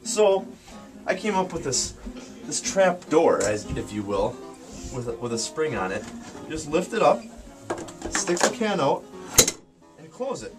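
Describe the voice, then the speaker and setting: Showing his wooden ice fishing shack as a guest, a young adult American man explains things matter-of-factly and with a wink, like a tour guide. He has a fairly high, sing-song voice, takes his time, and leaves long pauses, while guitar music plays behind him.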